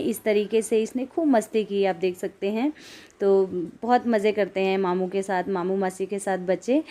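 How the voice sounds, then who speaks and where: A woman's voice: mid-range voice, warm tone. A woman from Himachal Pradesh with a Himachali accent, narrating a casual vlog and talking straight to her viewers in a chatty way. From Himachal Pradesh, India. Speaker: vlogger.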